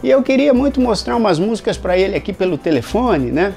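A man acts out a hopeful male songwriter on the phone, pleading and insistent. The voice sits a little higher than a plain speaking voice and rises and falls eagerly. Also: sing-song, brisk, gravelly, darkish tone, soft background music, exaggerated voice.

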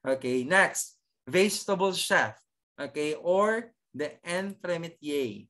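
A cookery teacher with a Filipino accent leads an online lesson at a mid-range pitch. The delivery is chatty and conversational, checking in every few phrases, with repeated pronunciation drills for the class. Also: lively intonation, takes it slowly, fairly bright tone. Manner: chatty, checks in with frequent "okay" and "no?".

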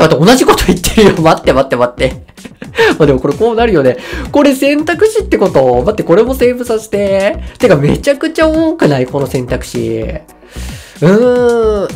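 A woman's voice: medium pitch, a little mellow. A woman doing let's-play commentary on a game, chatty, laughing often and thinking aloud as she picks choices. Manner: chatty, laughing, talking to herself while choosing. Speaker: game streamer.

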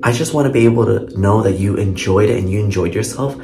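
A man's voice: lowish voice, quick pace, gravelly, background noise. A tired man chatting casually in a vlog wrap-up, rambling and restarting his sentences. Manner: chatty, complaining, stumbles and restarts. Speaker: vlogger.

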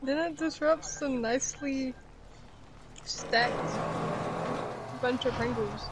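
A woman with a high voice chats with her partner over a game, giggling and talking with her mouth full. She speaks very slowly and drawls her words. There is a clear noise bed under the home recording. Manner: giggly, talks while eating. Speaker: gamer chatting with partner. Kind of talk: casual chat while gaming.

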